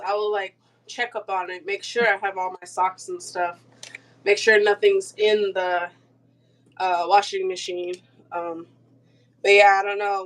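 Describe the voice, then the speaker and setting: A woman guest in a casual chat over a video call, telling stories in an animated, slangy way. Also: medium pitch, poor audio. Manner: animated, laughing storyteller with slangy phrases.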